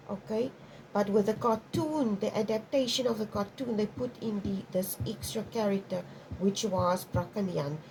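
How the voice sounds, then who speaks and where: This tarot reader, an Afrikaans-speaking woman, has a gravelly yet mellow voice at medium pitch. The recording is rough, with a little hiss or hum. Her intuitive reading wanders, full of restarts and frequent "okay?" check-ins.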